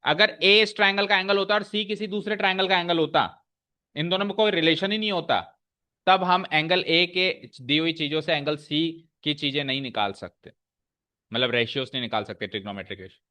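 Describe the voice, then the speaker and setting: A male maths teacher explaining a lesson step by step to his class, often checking in with quick questions. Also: a little high, bright, forceful tone.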